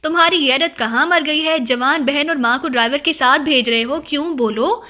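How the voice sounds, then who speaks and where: A woman voicing a fiery scolding old mother. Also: high-pitched. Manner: scolding, raised and sharp. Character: older mother, fiery and easily angered.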